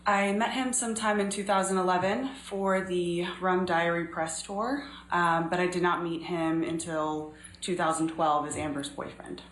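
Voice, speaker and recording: A woman in her thirties giving measured, earnest courtroom testimony as a witness, pausing often. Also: on the low side, fairly even intonation. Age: 30s. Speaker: trial witness. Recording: echoey courtroom recording, faint noise.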